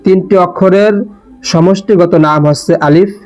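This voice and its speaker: A man teaching letter pronunciation in a slow lesson, repeating and drawing out each sound with care. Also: high voice, darkish tone, faint music behind. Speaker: Quran teacher. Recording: dull lo-fi recording.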